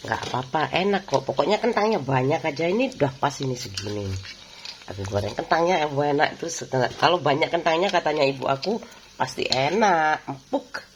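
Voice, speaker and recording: A woman's voice: deep voice, slight background noise. A woman with a lilt talks as she cooks at home for her own vlog. She wanders from one memory to the next and breaks into easy laughs along the way. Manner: rambling and reminiscing, laughs often. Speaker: vlogger. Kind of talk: casual chatty vlog while cooking.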